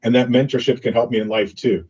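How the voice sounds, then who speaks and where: Guy rattling off business stories quick, kinda husky, dull lo-fi sound. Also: mid-range voice, steady tone, darkish tone. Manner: fast, filler-heavy anecdotal talk. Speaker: entrepreneur guest. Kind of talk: casual interview storytelling. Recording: dull lo-fi audio.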